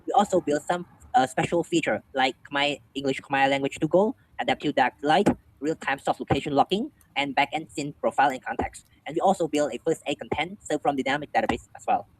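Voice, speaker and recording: A man's voice: a little high, fairly quick, rough recording. A young man introducing a student team project in a prepared presentation. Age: young adult.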